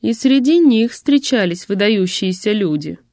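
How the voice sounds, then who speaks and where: A woman's voice: mid-range voice, animated, a little slow, darkish tone, no echo, studio quality. A woman reading the lines of an elderly, enthusiastic bookseller in an audiobook, chatty and admiring. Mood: eager.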